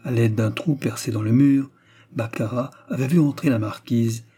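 A man reading a classic novel aloud as audiobook narration, in a measured literary manner. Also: mid-range voice, dark tone, husky.

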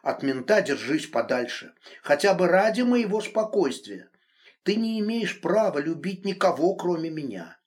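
Brief: male narrator doing an enraged, possessive married man in an audiobook, high and loud, shouts then hissed threats. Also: big pitch swings, normal speed. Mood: curt. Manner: shouting accusations, then hissing low threats. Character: angry middle-aged married man, controlling and furious. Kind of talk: audiobook reading.

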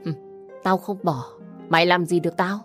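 A spiteful young woman jeers and goads in this audio story, voiced by a woman reader. The voice sits low and carries a bullying, mocking edge. Faint music plays underneath. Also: steady tone, normal speed, close to an everyday voice. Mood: taunting. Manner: taunting, insulting, picking a fight.

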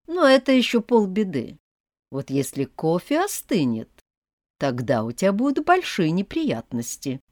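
A sardonic, teasing male demon voiced by a woman reader in a storybook reading. His dry mockery rises and falls in lively pitch, and the voice sits close and dry on the mic. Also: a little slow, dry recording. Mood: mocking.

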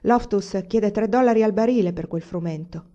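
A woman voicing a male store owner who tries to calm a crowd, in an audiobook reading. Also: mid-range voice, normal speed, lightly acted. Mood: placating. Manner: placating, soothing. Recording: dull lo-fi recording.

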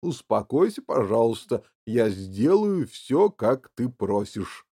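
A man's voice: mid-range voice, big pitch swings, slow pace, warm tone, husky, voice pushed down, exaggerated voice. Field: story. Figure: a man doing a meek, placating rich father. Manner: hesitant, placating, hemming.

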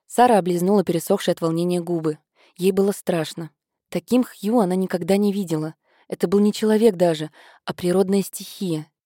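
Mellow-voiced woman reading an audiobook. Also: lowish voice, no echo, studio quality. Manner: measured, steady reading. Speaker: audiobook narrator. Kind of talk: scripted narration.

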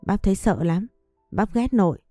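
Tearful three-year-old boy, voiced by a woman narrator, mellow tone, storybook reading. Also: mid-range voice, lively intonation, moderate pace, dry recording, studio quality, faint music behind, close to an everyday voice. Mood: pleading, childlike.

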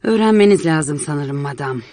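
A woman voicing a calm young man who explains haltingly and apologetically, in a storybook reading. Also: low-pitched, no echo. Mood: explaining.

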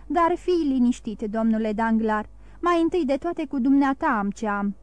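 A woman's voice: a little high, animated, a little mellow, no echo, lightly acted. A woman reading the part of a proud young nobleman who speaks coldly and accuses. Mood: scornful. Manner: cold, challenging, accusing.

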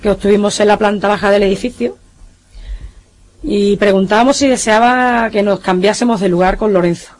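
A woman, a guest investigator on a radio show, calmly explaining recordings. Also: mid-range voice, normal speed. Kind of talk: radio interview.

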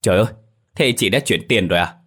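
An earnest young taxi driver, low-voiced and direct, speaking plainly with concern, as a male storyteller plays him. A spoken storybook figure, close to the narrator's own voice. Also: animated, fast talker, fairly bright tone, breathy edge. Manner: earnest, concerned, stammering when scared.

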